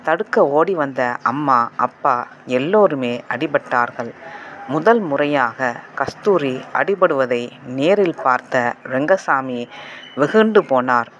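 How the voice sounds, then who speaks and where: Guy reading a novel aloud, slow and calm, mid pitch. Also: a little hiss or hum. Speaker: audiobook narrator. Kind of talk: scripted narration of a novel.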